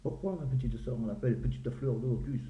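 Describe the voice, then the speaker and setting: A man's voice: mid-range voice, fast talker. A man telling crude jokes in a casual way, acting out the characters and laughing at his own punchlines. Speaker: joke teller. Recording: echoey, tinny phone-like sound.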